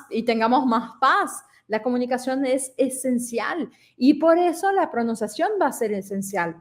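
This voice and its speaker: A woman teaching an online lesson, explaining conversationally and asking listeners questions, speaking a language she learned as an adult. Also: on the high side. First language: not Spanish. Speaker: French pronunciation teacher.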